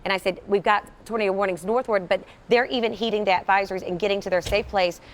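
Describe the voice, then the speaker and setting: A woman's voice: medium pitch, fairly even intonation, fast talker, rough recording. A woman anchoring live severe weather coverage, giving earnest, emphatic warnings.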